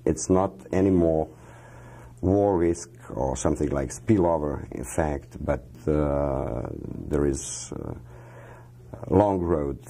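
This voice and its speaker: A man in his fifties with a Croatian accent is interviewed as a guest in a television studio. His voice rumbles low with a dark tone, and his answers come measured and halting, with frequent pauses and fillers.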